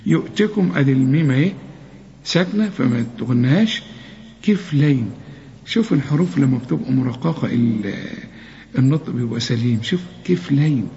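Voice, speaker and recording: A man with an Egyptian Arabic accent teaching Quran recitation rules, explaining step by step and slowly chanting the verse examples. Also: medium pitch, expressive, dark tone, a little hiss or hum. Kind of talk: tajweed lesson. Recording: lo-fi muffled recording.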